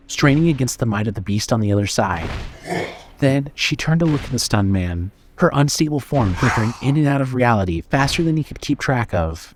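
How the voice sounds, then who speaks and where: A man narrating a horror story in a steady, suspenseful reading style. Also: mid-range voice, background noise.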